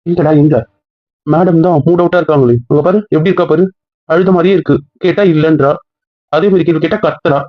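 Young husband in a home couple skit. Rapid, teasing scolding, slightly high voice, dry lo-fi sound. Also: male voice, fairly even intonation, no echo. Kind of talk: casual couple banter. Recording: dull, dry lo-fi audio.

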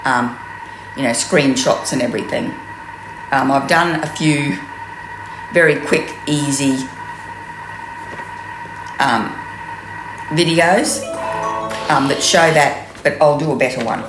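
Over music, a woman in her sixties with an Australian accent gives a chatty, rambling cooking tutorial in her home kitchen, full of ums. She has a bass voice and takes it slowly, with long pauses. A camera mic at mid distance picks her up in a roomy kitchen with steady background noise.

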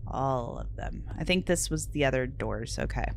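A woman's voice: rumbling low, very animated, normal speed, vocal fry, a little hiss or hum. A young woman playing a horror game, talking to herself nervously, swearing, and dropping to whispers when scared. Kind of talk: let's play commentary.

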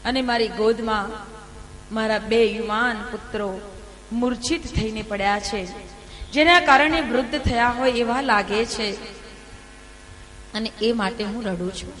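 A woman's voice: fairly high pitch, a little slow, pauses often, fairly bright tone. A woman voicing grieving young goddess Devotion. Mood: sorrowful. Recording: reverberant hall with faint noise.

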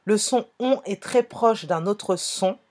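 A woman gives a phonics lesson to young children at an unhurried pace. Her voice is slightly husky, and she talks patiently, repeating key sounds and correcting her own small slips. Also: mid-range voice, a little mellow. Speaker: teacher.

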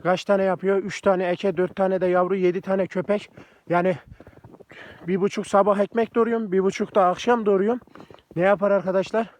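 A man with a notably high voice talks casually to the camera while he walks outdoors through snowy countryside. He chats freely and keeps coaxing and praising his dogs along the way. The sound comes from a camera or phone he carries as he walks. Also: flat delivery, a little fast. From Turkey. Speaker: village farmer vlogger. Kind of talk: casual walking vlog.

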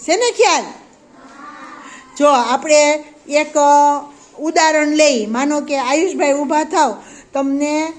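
High-voiced teacher coaxing young pupils. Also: female voice, slow, pauses often. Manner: asks the children questions and praises answers. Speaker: preschool teacher. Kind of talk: classroom teaching. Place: classroom. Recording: faint background noise.

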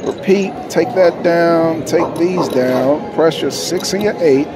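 A man's voice: a little high, takes it slowly. A man with an American accent giving casual, slangy, cocky running commentary to viewers as he gambles. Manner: slangy, cocky self-talk. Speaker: vlogger gambling at a casino. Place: indoor casino at a gaming machine. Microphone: handheld phone. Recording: loud casino music behind handheld recording.

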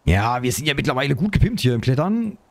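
A man commenting on his own survival game play, excitable, talking to himself and his viewers. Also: medium pitch, quick pace, dry recording. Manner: excitable, talks to himself and viewers, frequent exclamations. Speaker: gaming YouTuber.

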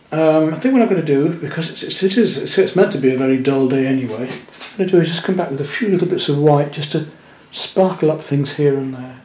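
A man, gently talking through a watercolour demonstration as he paints, thinking aloud in a chatty way. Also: fairly high pitch, reverberant, a little hiss or hum. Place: indoor studio at the easel.

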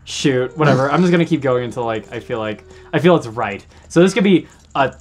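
A man's voice: medium pitch, expressive, a little fast, soft background music. Rambling man narrating his gameplay. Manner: rambling, repeats words while thinking aloud. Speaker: let's play host. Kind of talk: casual gameplay commentary.

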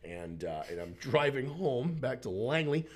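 Animated male comedian telling a story. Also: mid-range voice, unhurried. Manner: animated storyteller, acts out voices, frequent restarts. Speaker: stand-up comedian guest. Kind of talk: casual storytelling chat.

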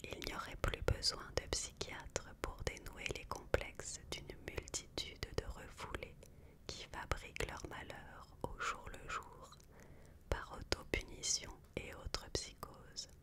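Someone reading a book aloud for ASMR in a soft, hushed library whisper, measured and with pauses.

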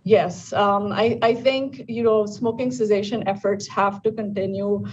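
A woman in her thirties, an oncologist, explaining things in a measured way with frequent ums during a live news interview over video call. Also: mid-range voice, fairly even intonation, darkish tone. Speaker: lung cancer oncologist. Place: bright indoor room. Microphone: video call from home or office. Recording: distant, dull video-call audio with faint room noise.

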